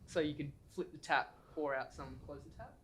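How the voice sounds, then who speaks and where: A man's voice: fairly high pitch, a little fast, sharp tone, slightly rough. Laughing young man telling a party story. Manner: rambling, laughs often while telling stories. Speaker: podcast host. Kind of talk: casual storytelling chat.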